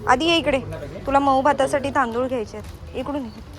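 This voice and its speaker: A woman's voice: sits high, a little fast, a crowd in the background. A young woman vlogging with a phone while shopping, coaxing and scolding her small child as she goes. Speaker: vlogger and mother. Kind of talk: casual vlog while shopping. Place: busy market outdoors and in a shop. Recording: noisy market background.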